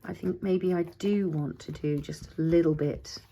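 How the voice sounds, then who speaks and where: A woman's voice: lowish voice, fairly even intonation, normal speed, mellow. A middle-aged woman hosting a casual craft tutorial, chatting as she works, thinking aloud and talking to her materials, sometimes dropping to a whisper.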